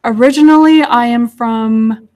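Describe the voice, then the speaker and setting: A woman's voice: fairly high pitch, unhurried, darkish tone. Upbeat woman speaker taking questions. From California. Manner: friendly, apologetic, many ums. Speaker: invasive species outreach speaker. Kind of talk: public talk, answering audience questions.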